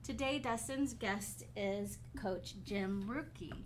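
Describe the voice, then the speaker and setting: A woman's voice: mid-range voice, takes it slowly, a little hiss or hum. A woman co-hosting a podcast, reading the show's introduction and joining in the chat. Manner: reads intros, laughs easily. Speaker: podcast co-host. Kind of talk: scripted introduction and casual chat.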